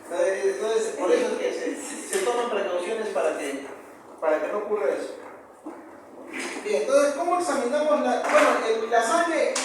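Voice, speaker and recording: A man with a Peruvian accent giving a university histology lecture, often repeating key terms and asking the class quick questions. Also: high-pitched. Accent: Peruvian Spanish. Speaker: histology professor. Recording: very echoey room, far from mic, noisy.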